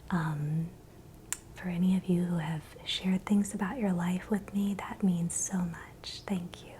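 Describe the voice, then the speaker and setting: A woman giving a gentle, encouraging, unscripted ASMR pep talk in a breathy, unvoiced whisper. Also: fairly low pitch, low-quality recording. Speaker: ASMR channel host. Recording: clear background noise, ambient hiss.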